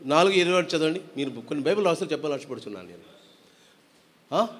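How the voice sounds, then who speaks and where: A man's voice: a little high, very animated, racing, in a large hall. A male preacher giving a sermon, reading scripture, asking the congregation questions and urging them to clap along. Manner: exhorting, asks the congregation questions and leads clapping songs. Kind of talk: sermon with Bible reading and singing. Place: church prayer hall with music playing. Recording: loud music behind the voice. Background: accompanying music.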